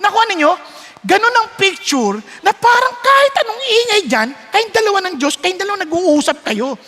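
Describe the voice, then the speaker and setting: Animated preacher guy, high bright voice, big reverby church hall. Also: normal speed. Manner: animated storytelling, mixes Tagalog and English, acts out voices. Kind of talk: sermon.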